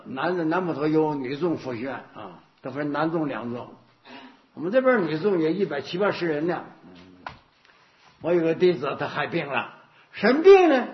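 A male Buddhist teacher giving a dharma talk. He tells stories, repeats himself and asks rhetorical questions. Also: a little high. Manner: anecdotal, repetitive, rhetorical questions. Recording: dull lo-fi recording.

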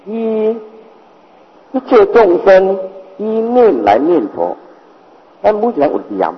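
In a reverberant, dull, lo-fi hall recording, an older master gives a Buddhist sermon in Mandarin with a Hokkien influence. His high, slightly rough voice moves slowly with lively intonation, and he repeats points and asks rhetorical questions.

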